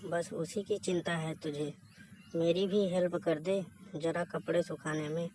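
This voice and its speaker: A man's voice: fairly high pitch, steady tone, unhurried, a little mellow, slight background noise, close to an everyday voice. A man voicing a bold, teasing young married woman in a read-aloud story, with a bossy manner.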